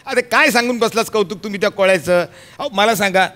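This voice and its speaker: A man's voice: sits high, quick pace, sharp tone. A man playing a chatty, philosophizing driver in a sketch comedy, speaking with a folksy, soothing manner.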